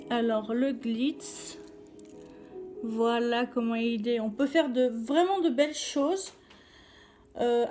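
A woman's voice: sits high, dark tone. A woman doing a casual makeup review vlog, chatty and hesitant, with many fillers and restarts. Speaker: beauty vlogger.

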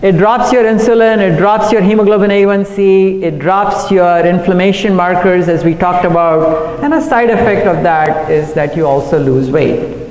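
A middle-aged man, a cardiologist, giving an earnest conference talk at a podium microphone, talking quickly with fillers and self-corrections. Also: sits high, darkish tone. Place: large hotel conference room. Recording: echoey hall, recorded from afar.

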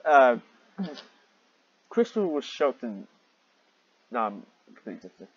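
An unhurried man with a husky, medium-pitched, sing-song voice reads fan fiction in a mocking tone. He gets exasperated and sidetracked, breaking off to comment, and the audio is lo-fi.

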